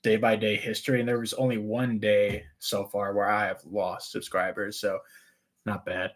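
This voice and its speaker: Casual man with soft W-like R's. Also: lowish voice, level tone, normal speed. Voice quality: trouble pronouncing R's, sounding them like W. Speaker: live stream host. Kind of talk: casual chat, answering viewer questions.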